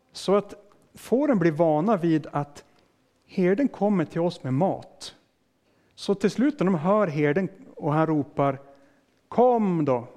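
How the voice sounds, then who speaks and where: A man's voice: on the high side, a little mellow. A man preaching a sermon as a pastor, explaining in plain words and putting questions to his listeners. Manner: casual fillers and restarts.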